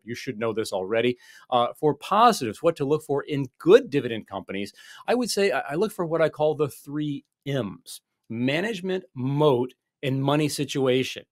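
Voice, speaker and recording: Speaking in a mid-range voice, a man in his forties explains investing as a guest on a video call, stumbling through many restarts and fillers in a conversational interview. He sits in a small office with wall panels using a desk microphone, and the sound is clean, studio-like and free of room sound.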